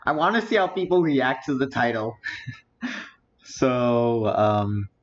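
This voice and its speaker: A teenage boy live-streams, muttering to himself while he browses and reads titles out loud. His mid-range voice is slow and sing-song, and the lo-fi audio sounds dull with faint noise.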